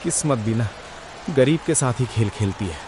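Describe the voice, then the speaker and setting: Male actor as a grumbling poor husband in a cartoon, self-pitying, big pitch swings. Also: animated, normal speed, noisy background, lightly acted. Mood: bitter. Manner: self-pitying, sighs and laments, flares up when accused. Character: poor grumbling village husband, bitter about fate.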